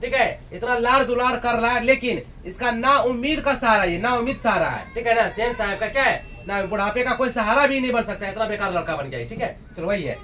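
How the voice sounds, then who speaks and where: A man's voice: extremely high pitch, brisk, hardly any pauses, bright, forceful tone, far from the mic, a little hiss or hum. A man teaching a textbook story. He keeps asking the class questions and then answering them himself, and he acts out bits of the dialogue. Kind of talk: explaining a Hindi textbook story to students.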